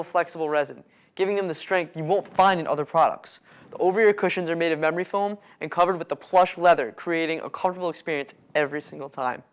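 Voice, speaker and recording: A man delivering a scripted infomercial sales pitch in a salesy, urging manner. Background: music.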